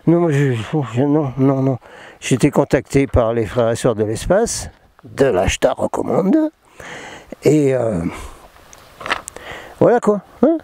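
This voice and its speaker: A man's voice: mid-range voice, mellow, no echo. A man, talking casually about spiritual matters, rambling and joking at himself with many restarts. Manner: jokey, self-mocking, rambling with many restarts. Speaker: spiritual channeler hosting a talk. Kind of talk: casual spoken talk mixing reading and asides.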